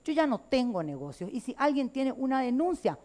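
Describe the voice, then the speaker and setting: A woman's voice: high-pitched, sing-song, moderate pace, mellow. Combative Paraguayan congresswoman. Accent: Paraguayan Spanish. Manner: combative, emphatic, indignant. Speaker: legislator. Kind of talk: parliamentary floor speech. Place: legislative chamber.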